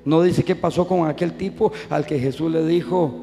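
A man with a fairly high voice preaches with fervor, hammering repeated phrases. His voice rings out with a long reverb in a large church hall, with soft music underneath. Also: fairly even intonation, moderate pace. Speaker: pastor. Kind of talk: sermon.

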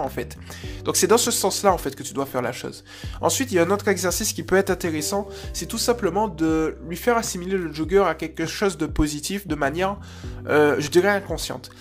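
A dog trainer giving a client casual, chatty advice, with many fillers and restarts. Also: medium pitch. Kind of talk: casual spoken coaching advice.

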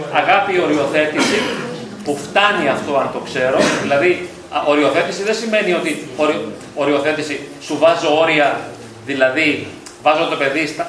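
A male psychologist giving a reflective lecture at a parent event in a school hall, often asking rhetorical questions. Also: on the high side. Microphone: distant from the mic. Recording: echoey hall from far off.

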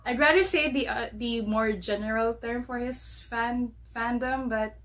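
A young woman hosts her own podcast from her bedroom. Her voice sits a little high, and she talks in a bubbly, giggly, casual way. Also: steady tone, a little slow, a bit bright. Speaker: podcast host. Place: bedroom at home.

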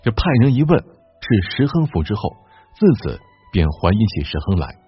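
Husky male storyteller with lively intonation. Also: on the low side, normal speed, lo-fi sound, soft background music. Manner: chatty, wry asides. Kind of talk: serialized historical storytelling.

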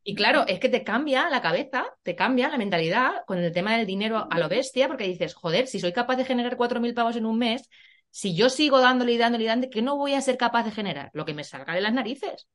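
A woman's voice: fairly high pitch, lively intonation, fast. A woman from Spain with a Spanish accent, hosting a podcast in frank, slangy casual chat. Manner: frank, slangy, many restarts. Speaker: podcast host.

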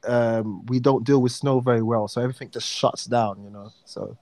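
A man's voice: medium pitch, fairly even intonation, normal speed, a little mellow, no room sound. A man with a South London accent chatting casually in a laid-back, slangy way, dropping in bro and man. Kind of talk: casual chat.

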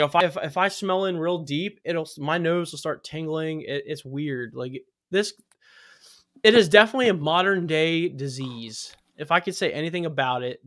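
Man, casual podcast host, bright forward voice, rambling talker. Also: fairly high pitch. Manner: rambling, repeats himself, laughs often. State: recovering from covid, no smell. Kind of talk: casual chat.

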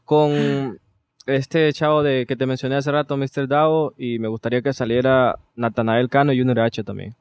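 A man's voice: mid-range voice, level tone, normal speed. A man, a guest rapper chatting casually in an agreeable, hesitant way. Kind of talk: casual chat. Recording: crowd chatter behind.

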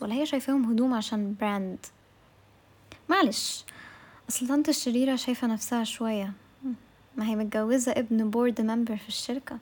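Fast, chatty Egyptian woman storyteller. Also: on the high side, a little mellow. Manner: chatty and sarcastic, asides to listeners. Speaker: podcast host and narrator. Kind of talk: comic diary-style storytelling.

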